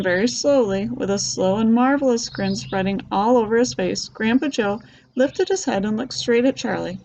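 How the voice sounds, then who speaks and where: A woman with a fairly high voice reads a children's storybook aloud, giving each character a light touch. The recording is slightly dull, with a faint hiss behind her. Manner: lively, voicing characters lightly. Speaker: reader.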